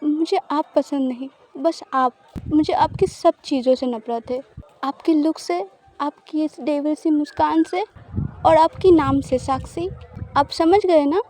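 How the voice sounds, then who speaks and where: A woman reads out a wounded, defiant young bride in an audio story, her high voice pushing back in bitter protest. The tone stays mellow and soft-edged even when she pleads. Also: unhurried. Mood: resentful. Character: hurt, defiant young woman resisting her new spouse.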